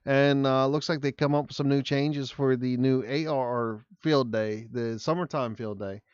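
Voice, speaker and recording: A man hosting a loose chat among radio hobbyists, rambling along easily. His voice is smooth and resonant, the sound close and dry but a bit dull and lo-fi. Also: mid-range voice, normal speed, no echo. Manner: relaxed, rambling with fillers. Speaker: channel host.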